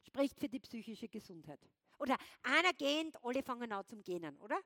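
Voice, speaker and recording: High-voiced woman giving a lively keynote. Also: a little fast, no echo. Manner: lively, keeps checking in with the audience. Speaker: motivational speaker. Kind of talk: stage keynote talk. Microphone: wireless clip-on transmitter.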